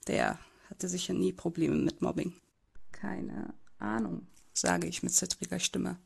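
A woman's voice: lowish voice, little pitch movement, moderate pace, gravelly, slightly rough, exaggerated voice. A woman voicing a timid, bullied teenage boy who narrates his own story in an amateur audio drama, in a hesitant, subdued way.

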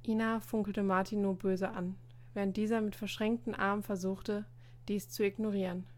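A woman narrating a story aloud in an even, measured way. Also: mid-range voice.

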